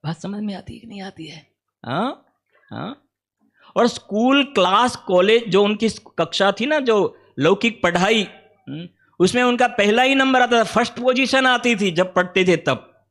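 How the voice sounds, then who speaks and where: High-voiced Gujarati-accented man preaching. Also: lively intonation, unhurried, a bit bright. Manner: conversational, asks the audience questions often. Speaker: Jain preacher. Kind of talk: spiritual discourse at a camp. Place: teaching camp hall.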